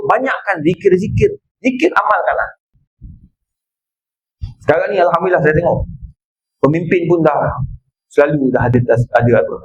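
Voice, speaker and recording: A middle-aged Malaysian man with a Malaysian Malay accent giving a joking, animated religious lecture in a mosque. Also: high-pitched, breathy edge, dull audio. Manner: animated, joking storyteller, acts out people. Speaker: preacher.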